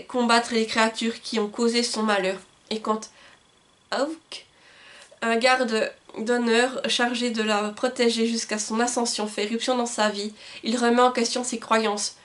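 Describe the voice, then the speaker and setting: A woman vlogging about books, reading back-cover summaries aloud and chatting about her purchases, sometimes tripping over words. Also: a little high. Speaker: book vlogger. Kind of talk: casual book haul chat with read-aloud summaries. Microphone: camcorder.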